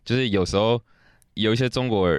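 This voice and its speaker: A man's voice: fairly low pitch, a little fast, dry recording. A young man from Taiwan with a Taiwanese accent, telling stories in a casual podcast chat. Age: young adult.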